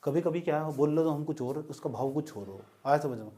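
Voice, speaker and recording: A man's voice: on the high side, a little fast, warm tone. A male teacher lecturing a class in a joking way, often stopping to check that students follow.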